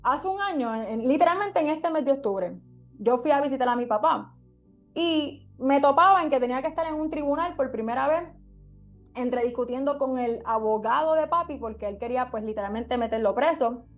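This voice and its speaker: High-voiced young woman giving heartfelt testimony. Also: moderate pace, soft background music. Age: young adult. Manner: heartfelt storytelling with repeated rhetorical questions. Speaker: Bible study leader. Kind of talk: emotional testimony sermon.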